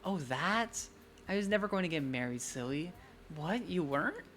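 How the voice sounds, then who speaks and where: A man's voice: high voice, animated, moderate pace, fairly bright tone, a little hiss or hum, voice pushed up. A man voicing a playful, teasing young woman spirit in a sing-song manner.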